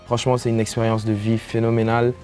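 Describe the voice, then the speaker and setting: A young man from Senegal speaks as a student in a casual testimonial, his tone warm and mellow. He talks easily and drops casual fillers as he goes. Soft music plays faintly behind him. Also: mid-range voice, completely flat delivery, fast.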